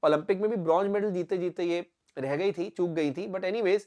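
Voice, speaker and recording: A young Indian man teaching a current affairs lesson for exam candidates, explaining step by step, often checking that it is clear and slipping into English phrases. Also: high voice, normal speed, dark tone.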